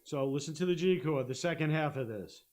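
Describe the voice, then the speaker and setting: A man teaching a guitar lesson on a live stream, explaining step by step and humming out rhythms, with loud guitar playing behind him. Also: a little high, fairly quick. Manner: explains step by step, hums rhythms, checks in with "okay?". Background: guitar playing and looper.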